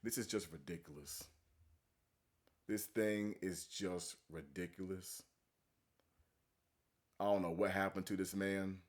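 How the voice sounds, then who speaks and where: A man's voice: low voice, steady tone, slow pace, long pauses. A man giving casual, blunt, profane reaction commentary as he preaches about scripture. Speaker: commentary video host.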